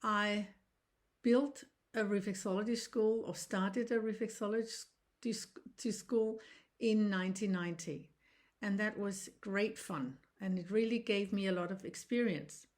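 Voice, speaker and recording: With a mid-range voice, a woman from Denmark in her sixties leads an informal online reflexology lesson in English, which isn't her first language. She is earnest, halting, and often starts over.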